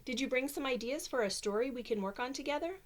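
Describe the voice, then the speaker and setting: A woman voicing a kindly female librarian in a storybook read aloud, gentle and encouraging. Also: sits high, quick pace, pitched above the performer's own voice, close to an everyday voice.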